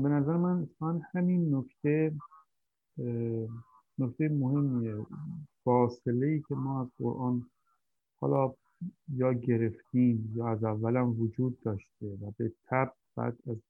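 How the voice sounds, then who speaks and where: A man's voice: medium pitch, steady tone, no echo. A man hosting a conversational discussion, talking hesitantly as he searches for his words. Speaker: host. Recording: dry tinny phone-like line.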